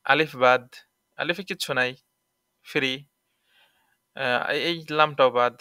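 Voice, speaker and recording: A man is teaching Quran recitation, spelling out each syllable before he stretches it into a long chanted vowel. His voice is bright and crisp. The recording is dry and close, with no room echo. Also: mid-range voice. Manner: breaks words into letters and sounds, drawn-out recitation, asks the listener questions. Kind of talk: tajweed lesson, spelling out and reciting.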